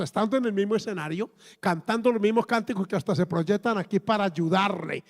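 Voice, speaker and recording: Colombian male pastor, 50s; emphatic, high, gravelly sermon delivery in an echoing church hall. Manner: emphatic preaching with frequent exclamations and repeated words. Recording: long reverb of a church hall.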